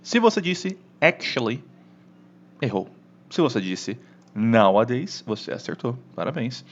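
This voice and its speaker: A man with a Brazilian Portuguese accent teaches an English lesson online, animated and often checking in with the listener. His voice is medium-pitched and a little slow, and the sound is lo-fi.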